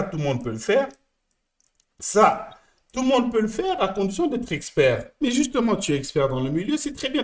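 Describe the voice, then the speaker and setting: Lively French coach at a whiteboard. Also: male voice, high voice. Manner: animated, talks to one listener as "tu", many restarts. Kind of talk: explaining at a whiteboard.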